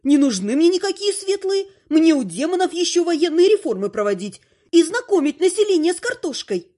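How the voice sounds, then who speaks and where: Brief: woman audiobook narrator, high voice, theatrical and lively. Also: a little fast. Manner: lively, theatrical first-person reading.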